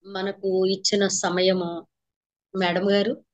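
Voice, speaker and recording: A woman meditation teacher gives a spiritual talk to a class, earnestly telling her story and repeating phrases for emphasis. Her mid-range voice moves little in pitch and is slow. The lo-fi recording sounds slightly dull.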